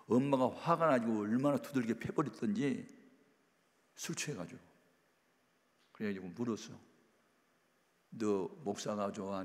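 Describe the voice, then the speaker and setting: A man preaching a storytelling sermon, his voice rough with gravelly fry. He brings the story to life by playing its people, and a long reverb follows him around the church hall. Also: fairly low pitch. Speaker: pastor.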